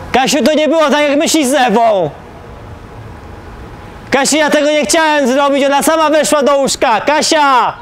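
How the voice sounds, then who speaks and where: Young man shouting pleas outdoors. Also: very high-pitched, a little hiss or hum. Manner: shouting, pleading, mock-desperate. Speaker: prank video host. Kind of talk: shouting up at apartment windows. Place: outdoors under apartment blocks.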